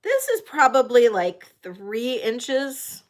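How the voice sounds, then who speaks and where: A woman's voice: a little high, very animated, slow. A middle-aged woman working as a casual auctioneer on a live sale, chatting and addressing bidders by name.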